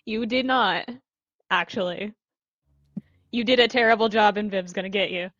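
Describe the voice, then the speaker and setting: A woman's voice: mid-range voice, normal speed, fairly bright tone, dry recording. Woman, tabletop player, bantering, laughing, dull lo-fi mic, dry. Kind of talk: tabletop game chat.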